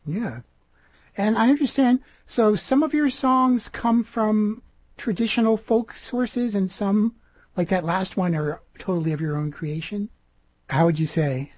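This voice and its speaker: Mellow-voiced woman radio host. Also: medium pitch, unhurried, no echo. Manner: brief interjections and questions. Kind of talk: radio interview.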